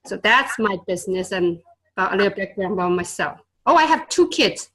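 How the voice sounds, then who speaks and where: Her intonation is lively, her pace a little fast, and her medium-pitched voice fairly bright. This earnest woman, a tutor and business owner born in Vietnam and raised in China, with Chinese and Vietnamese as first languages, tells stories as a casual interview guest, using many fillers and non-native grammar.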